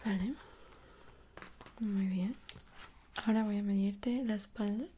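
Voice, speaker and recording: A young woman with a Mexican accent in an ASMR role-play as a dressmaker, speaking softly and attentively straight to the listener. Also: mid-range voice, fairly even intonation, slight background noise. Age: young adult. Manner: soft, unhurried, attentive, speaking directly to the listener. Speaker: ASMR performer playing a dressmaker. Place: small indoor room at home.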